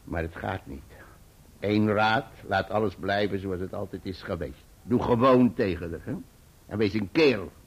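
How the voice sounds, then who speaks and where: In a radio play, an actor portrays Peggotty, an older, hearty, emotional fisherman who speaks roughly and jovially and laughs often. The voice is fairly low-pitched at normal speed.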